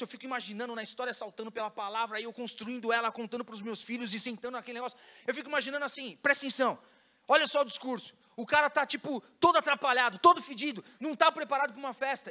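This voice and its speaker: A man preaching a sermon as a pastor in a church, telling stories in a casual, slangy, animated way. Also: extremely high pitch. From Brazil. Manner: animated storytelling, slangy and casual, acting out scenes.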